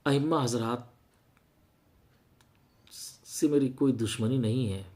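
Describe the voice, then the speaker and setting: A man preaching a sermon, moving from quiet earnest words to loud impassioned rises. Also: medium pitch.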